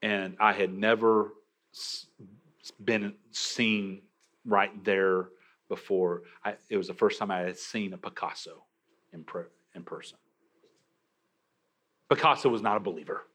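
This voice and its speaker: A man's voice: fairly low pitch, fairly even intonation, unhurried, long pauses, fairly bright tone. A man preaching a sermon, emphatic, with frequent restarts. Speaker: pastor.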